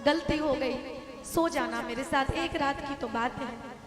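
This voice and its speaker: A woman voicing a patient old mother speaking softly and gently, in an echoey hall with music behind. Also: high voice, measured pace. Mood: gentle. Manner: soft, pleading, quiet.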